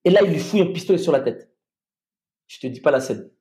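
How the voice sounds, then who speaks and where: A man, a former soldier, recounting his experience in a casual conversation, halting with restarts and fillers. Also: fairly high pitch, expressive, mellow. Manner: halting, many restarts and fillers, vivid retelling.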